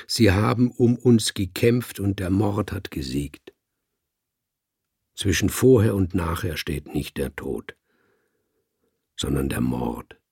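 A man's voice: low-pitched, mellow, breathy edge, no echo, clean studio sound, full character voice. A man reading an audiobook and voicing a male cat who preaches to other cats in a sonorous, solemn manner. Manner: sonorous, slow and grave like a sermon.

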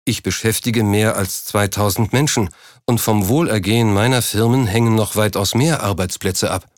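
A man's voice: lowish voice, normal speed, no echo, clean studio sound, natural voice. A man reading an audiobook, voicing a proud, driven businessman who speaks curtly and a little irritably. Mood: defensive. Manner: curt, slightly irritated. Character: proud driven businessman, middle-aged, terse. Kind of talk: audiobook character voice.

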